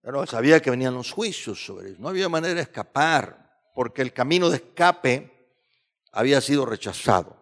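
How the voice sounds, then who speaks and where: A man's voice: mid-range voice, lively intonation, fairly quick, fairly bright tone. A man preaching a sermon, repeating phrases for emphasis and often asking "verdad" as a rhetorical tag.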